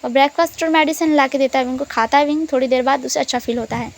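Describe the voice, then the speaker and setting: A woman's voice: sits high, very fast. A woman casually retelling a story in a chatty way, mixing in English words.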